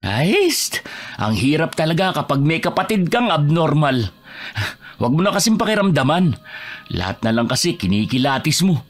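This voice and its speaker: A man's voice: on the high side, very animated, moderate pace. A young man acting as a cocky older brother driving in a storm, boastful, teasing and stubborn. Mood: firm. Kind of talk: horror audio drama acting.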